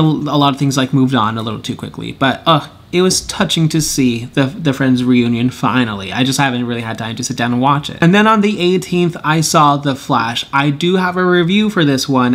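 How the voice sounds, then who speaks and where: A young man reviewing films and shows in a casual vlog, rambling and correcting himself as he talks, with pitch jumping high and low for emphasis. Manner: rambling, self-correcting, chuckles often. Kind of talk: casual monthly review chat.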